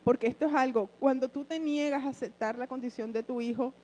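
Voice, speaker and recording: A woman's voice: high-pitched, fairly even intonation, brisk, dark tone, rough recording. A woman giving an earnest personal testimony in church, short of breath with emotion and speaking straight to her listeners. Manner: earnest, addresses listeners directly.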